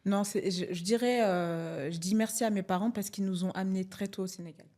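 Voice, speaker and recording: A woman's voice: medium pitch, steady tone, fairly quick, warm tone. A middle-aged woman from France, speaking as a podcast guest, hesitant and full of fillers. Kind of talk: casual podcast conversation.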